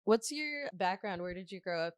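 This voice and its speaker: A woman's voice: medium pitch, expressive, normal speed, clear, resonant tone. An American woman hosting a casual chat in a playful, joking manner. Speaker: host. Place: apartment.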